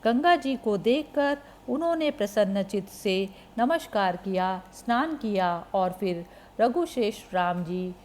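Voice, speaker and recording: A woman reads a sacred epic aloud as a scripted narration. Her delivery is very slow and deliberate. Her voice sits at a middle pitch and keeps an even, measured reading tone.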